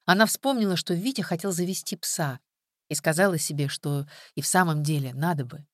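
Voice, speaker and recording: A woman narrating an audiobook with a low voice and a steady, even read. The sound is dry and close to the mic. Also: a little fast, no room sound. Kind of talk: scripted narration.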